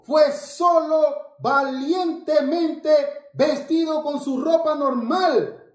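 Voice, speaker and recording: A bubbly little boy, as an adult plays him, tells the children a Bible story in church. His voice is high and his pace is slow and careful, as he calls out to his young listeners. The sound rings around a roomy church space. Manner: bubbly, exclaiming, talks straight to the children. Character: cheerful little boy named Carlitos, proud young scout. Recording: echoey church room.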